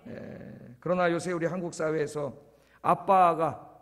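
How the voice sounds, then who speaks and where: A man's voice: a little high, steady tone, unhurried, a bit bright, big-room sound. A male pastor preaching a sermon in a church, asking the congregation questions, answering them himself and repeating key words for emphasis. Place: church sanctuary.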